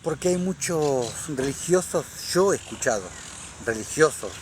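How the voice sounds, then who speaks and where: A man reading scripture and preaching on it, fervent and rising to loud, emphatic declarations. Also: on the high side, lively intonation, normal speed, slight background noise. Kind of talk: Bible reading and sermon commentary.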